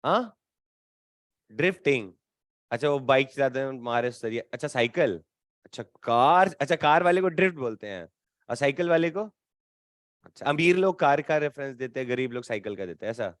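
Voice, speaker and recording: A man teaching physics to a class in a casual, teasing way, bantering with students and slowing down to stress key terms. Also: medium pitch, expressive, dry recording, clean studio sound. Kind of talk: classroom lecture.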